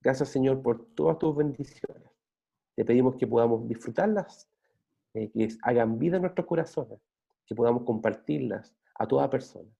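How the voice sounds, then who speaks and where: A man's voice: medium pitch, moderate pace, creaky, husky. A man, a pastor delivering an earnest sermon with fillers and restarts, then praying. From Chile. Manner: earnest, steady preaching with frequent restarts and fillers. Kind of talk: sermon closing in prayer. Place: church.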